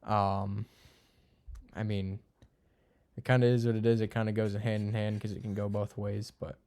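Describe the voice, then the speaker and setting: Low flat-voiced young man, blunt and rambling. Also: moderate pace. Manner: blunt, crude, rambling with many fillers. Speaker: video creator ranking friend types. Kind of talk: casual unscripted commentary.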